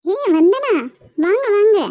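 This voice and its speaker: A woman's voice: very high-pitched, animated, takes it slowly, dark tone, no echo, full character voice. A woman voicing a chatty young office receptionist in a cartoon, apologetic and explaining, with a Kanyakumari Tamil accent.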